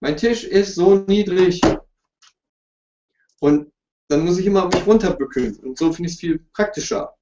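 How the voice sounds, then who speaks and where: A man's voice: high voice, measured pace, long pauses, heavy background noise. Chatty guy on a roomy webcam stream. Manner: chatty, jokey, apologetic. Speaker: YouTuber hosting a livestream. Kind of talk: casual livestream chat, reading viewer questions. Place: room at home, sitting in front of a couch. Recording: roomy, distant, dull webcam stream audio.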